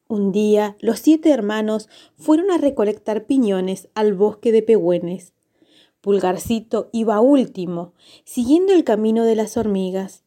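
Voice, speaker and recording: Woman reading a kids' story on radio, mellow warm voice, a bit high, gentle. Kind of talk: children's story narration.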